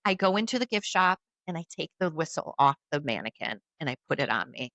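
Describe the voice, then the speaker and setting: A woman telling a dramatic personal story in casual chat, animated and acting out the voices of others. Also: sits low, fairly quick, no echo. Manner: animated, acts out quoted voices.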